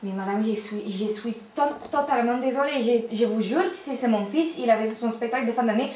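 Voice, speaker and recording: A woman's voice: a little high, brisk, darkish tone, a little hiss or hum, lightly acted. A woman putting on a flustered Spanish housemaid. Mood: flustered apologetic. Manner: stammering, apologetic, mixes in Spanish. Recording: roomy echo, far from the mic.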